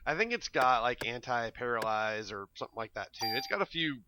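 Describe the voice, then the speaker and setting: A man's voice: medium pitch, expressive, a little fast, noisy background. A man giving casual commentary over his game playthrough, laid-back, laughing often and swearing now and then. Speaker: let's play commentator.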